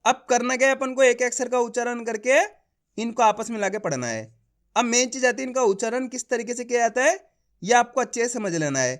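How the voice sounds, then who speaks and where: A man teaching an online reading lesson, spelling words out slowly syllable by syllable and often checking that the learner follows. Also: very high-pitched, expressive.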